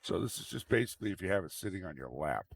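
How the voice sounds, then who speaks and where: Gravelly low-voiced man rambling through a demo. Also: big pitch swings, rapid-fire, no room sound. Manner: rambling, repeats himself. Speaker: tech video host. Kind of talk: casual unscripted screen demonstration. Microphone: microphone into computer audio mixer. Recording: very noisy microphone with fan noise. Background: fan running.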